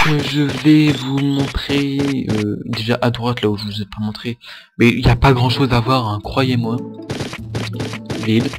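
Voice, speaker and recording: A man's voice: medium pitch, noisy background. A man casually commentating his gameplay, rambling and joking, with swearing at mistakes. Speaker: let's play host. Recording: loud game music behind.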